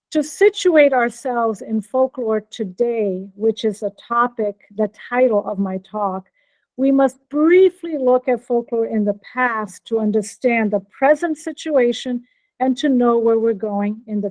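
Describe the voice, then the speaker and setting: Born in Norway and raised in Brazil, this American-accented professor speaks at a measured pace in a slightly high, slightly mellow voice. She gives a friendly keynote over a video call, checking in with listeners, and the computer mic gives a low-quality recording with no echo.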